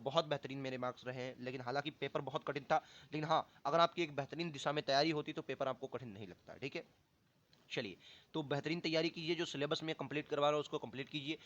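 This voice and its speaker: A young male exam coach goes through grammar questions, reading each option aloud and then correcting it. His voice sits fairly high for a man. The recording sounds dull and lo-fi. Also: steady tone, fast, fairly bright tone. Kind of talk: explaining Hindi grammar questions.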